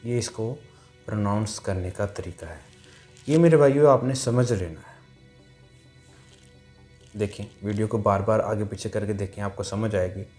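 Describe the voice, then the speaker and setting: A man's voice: fairly low pitch, darkish tone, faint music behind. Patient man teaching a language lesson. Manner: patient, repeats each point several times; sounds out syllables slowly.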